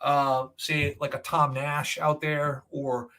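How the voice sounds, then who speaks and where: A man's voice: a little high, flat delivery, slow, pushed and bright. A man hosting a casual livestream, giving opinionated, rambling off-the-cuff commentary and often checking in with a tag question. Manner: opinionated, rambling, often tagging points with "right?". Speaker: host of a financial Q&A livestream.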